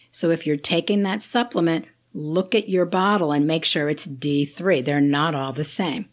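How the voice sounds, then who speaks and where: Woman doctor explaining home care, lowish voice. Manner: explanatory, lightly joking. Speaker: physician host. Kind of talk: health advice talk to camera.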